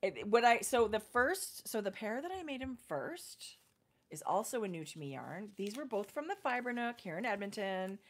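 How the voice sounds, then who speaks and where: A middle-aged Canadian woman co-hosts a knitting podcast, casually explaining her projects in detail with pauses and fillers. Her voice is medium in pitch with big swings up and down.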